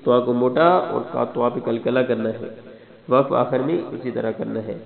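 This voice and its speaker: A man teaching Quran recitation rule by rule, explaining briskly and methodically. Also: medium pitch, vocal fry. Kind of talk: step-by-step recitation instruction. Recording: tinny, echoey, phone-like sound.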